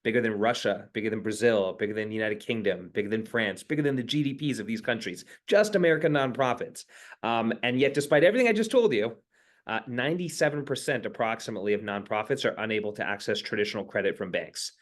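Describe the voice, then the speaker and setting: Fast-talking low-voiced man, interview guest. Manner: brisk, emphatic, frequent filler sounds. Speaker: company founder, interview guest. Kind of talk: conversational interview answers.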